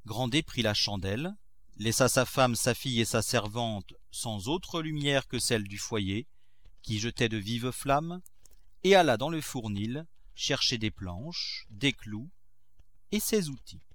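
A man narrating a classic novel in a measured, expressive way. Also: mid-range voice. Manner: measured, expressive, acts out characters. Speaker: audiobook narrator.

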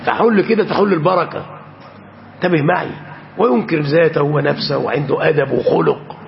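A man with an Egyptian accent teaches a religious class in a fairly high voice. He keeps asking short fill-in questions and tells the students to pay attention. The recording is dull and lo-fi. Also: a little fast, gravelly, in a large hall, a little hiss or hum. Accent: Egyptian Arabic. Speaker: sheikh teaching Islamic jurisprudence.

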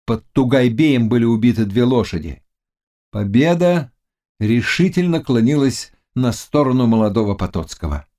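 A man reading a classic novel aloud as an audiobook narrator, in a dramatic, measured manner. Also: medium pitch, expressive, warm tone. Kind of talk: scripted literary narration.

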